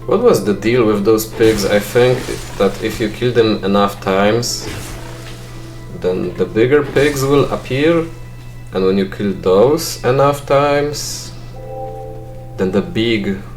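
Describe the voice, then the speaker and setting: A young Polish man, a non-native English speaker with a Polish accent, narrates his let's play with dry, self-mocking commentary, thinking aloud through fillers. His voice is fairly low and slow, with faint music behind it.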